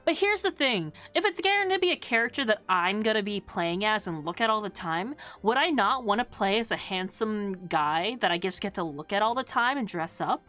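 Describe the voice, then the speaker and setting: A VTuber streamer chats casually with her livestream viewers in a cute, playful anime style, giggling and rambling. Her medium-pitched voice is sharp and lively, moving fairly quickly with few pauses.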